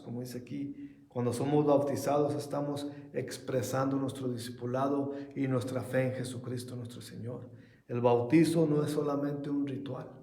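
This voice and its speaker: A male pastor delivering a Bible study sermon with steady, earnest conviction. His voice is dark and mellow, carried in an echoey room. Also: medium pitch. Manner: earnest preaching, ending in prayer.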